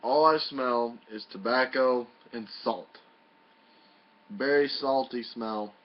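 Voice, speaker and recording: A home video with muffled, lo-fi audio captures a product reviewer speaking slowly at medium pitch. His take is casual and folksy, with some mild profanity.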